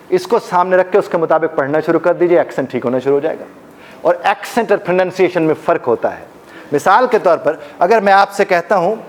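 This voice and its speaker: Lively man lecturing a workshop. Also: sits high, a little hiss or hum. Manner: animated, demonstrates pronunciations, joking with the audience. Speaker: life coach and trainer. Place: seminar room with a live audience.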